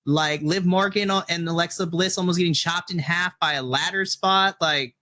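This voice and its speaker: Bright, eager male podcast co-host. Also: sits high, normal speed. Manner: excitable, gasping exclamations. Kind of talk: casual chat.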